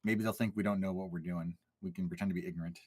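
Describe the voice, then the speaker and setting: A man with a lowish voice rattles off his moves and plans at a quick clip, cracking small jokes as he goes. It sounds like a close desk mic in a dry room with no echo. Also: steady tone, breathy edge. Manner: quick, joking, talks through plans aloud. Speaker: player. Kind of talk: tabletop game play over voice chat.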